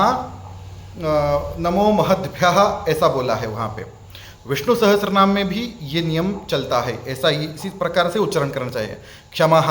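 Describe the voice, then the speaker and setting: A man with an Indian accent teaching Sanskrit recitation, chanting verses slowly and repeating each one patiently, sometimes switching into English. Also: a little high, fairly bright tone, echoey room. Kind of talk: spoken lesson with chanted verses.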